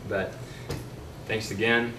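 A young man running for office delivers a prepared closing campaign speech at a podium in a meeting room, his voice low, level, pushed and bright, earnest but halting with pauses. The podium mic is picked up by a distant camera, so the sound is roomy with faint background noise.

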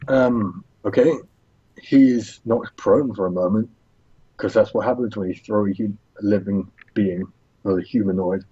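A man with a low, husky, mellow voice runs a tabletop game as game master, speaking in a relaxed way while pausing and thinking aloud. The recording sounds dry, dull, and lo-fi, with no room sound.

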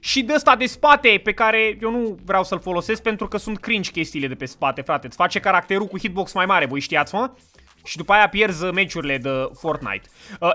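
A young man chats casually over a video game, quick with jokes and slang. His voice sits high and sounds bright and forward. He bursts out loud when the action heats up. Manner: joking, loud outbursts, slangy, mixes in English exclamations. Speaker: gaming youtuber. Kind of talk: casual gameplay chat.

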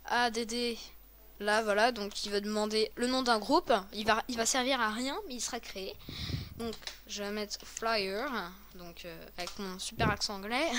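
A woman's voice: on the high side, fairly bright tone. A woman hosting a casual game tutorial with a friend, talking in a chatty, hesitant way with many fillers and restarts. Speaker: host of a game tutorial video.

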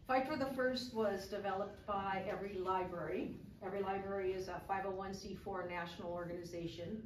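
An older woman, a retired librarian, reads aloud at a public talk in a large indoor community hall, telling the story in a bright, lively, animated way. Her voice is medium-pitched, and a far-off camera picks up the hall's echo along with a little hiss or hum.

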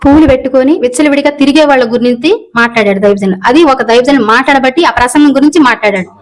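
A woman's voice: sits high, racing. A woman ranting with reproachful rhetorical questions. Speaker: video commenter. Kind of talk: angry rant.

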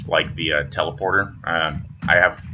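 A man with a very low voice talks through a video game as he plays it. His commentary is casual and unscripted, with game music clearly behind him. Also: steady tone, moderate pace. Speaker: gamer commentator. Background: video game music and sound.

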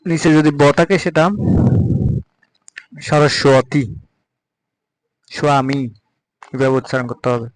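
A man with a Bengali accent giving a patient spoken pronunciation lesson, repeating example words slowly. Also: fairly high pitch, no echo, low-quality recording. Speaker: Sanskrit recitation teacher.

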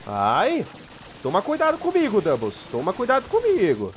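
A man with a Brazilian Portuguese accent hosting a let's play, joking and yelling during firefights and haltingly reading mission text aloud. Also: high-pitched, wildly swooping pitch, background noise. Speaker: gaming channel host.

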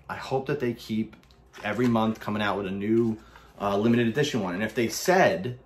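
A man with a Brooklyn New York accent talks through a soap review in a casual, rambling way. His voice sits a little low, and he keeps restarting his sentences with plenty of filler words.

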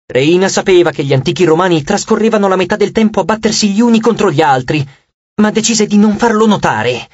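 A man's voice: high voice, animated, brisk, no echo, muffled recording. A man narrating an audiobook with dramatic, scripted storytelling.

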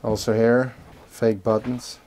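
Filmed on a handheld camera, a man who hosts urban exploration videos strolls through indoor simulators in a big training hall and plane simulator, talking casually and curiously while walking. He has a medium-pitched voice, takes his time, and there's slight background noise.

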